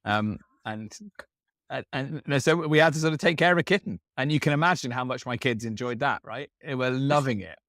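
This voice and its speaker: A man's voice: medium pitch, fairly quick, fairly bright tone, dry recording, studio quality. A man in his thirties co-hosting a podcast, chatting casually and rambling with lots of fillers and restarts. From England. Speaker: podcast co-host.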